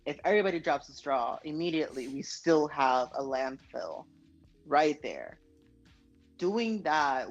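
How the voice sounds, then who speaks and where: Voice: medium pitch, dull audio. A guest poet from the United States talking earnestly in a casual interview, with many fillers and restarts.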